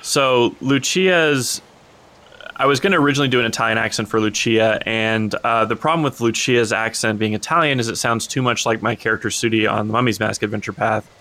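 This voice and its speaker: A man's voice: on the low side, fairly quick, pushed and bright. A man on a tabletop game podcast who talks eagerly at length, with many restarts. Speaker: podcast co-host and player. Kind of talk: casual podcast chat.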